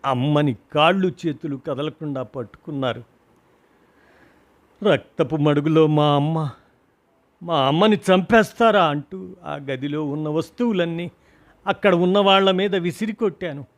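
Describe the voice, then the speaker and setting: A man's voice: a little high, moderate pace, natural voice. A man reading a grieving husband's story of loss, emotional and rising to cries at the peaks, in a storybook reading. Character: grieving husband recalling his mother's death.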